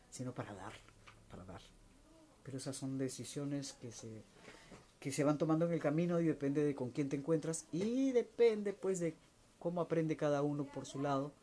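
A man with a mellow, darker voice speaks slowly and thoughtfully, often restarting and letting his sentences trail away quietly. There is a faint hiss of ambient noise behind him. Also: mid-range voice. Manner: slow, searching, with many restarts and soft trailing endings. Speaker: speaker answering viewer questions. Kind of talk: reflective spiritual talk.

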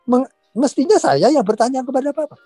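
Lively storytelling older man, tinged. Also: very high voice, a little fast, no echo, faint music behind. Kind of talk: casual storytelling chat.

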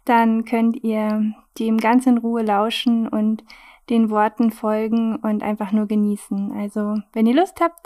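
Soft-spoken woman with a flat, mellow tone. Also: fairly high pitch. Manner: soft, hesitant, with fillers. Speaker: podcast host. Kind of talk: gentle podcast introduction.

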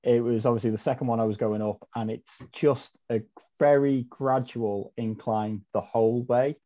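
Chatty man, dark mellow voice. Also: mid-range voice, steady tone, moderate pace. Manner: chatty, rambling, with frequent ums and self-corrections. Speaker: podcast guest. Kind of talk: casual storytelling chat. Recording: dull lo-fi audio.

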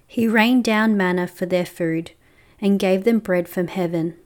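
A woman reads scripture aloud as a lector in a church liturgy. Her voice is smooth and clear, at a middling pitch, delivered as a formal liturgical reading. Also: a little slow, darkish tone.

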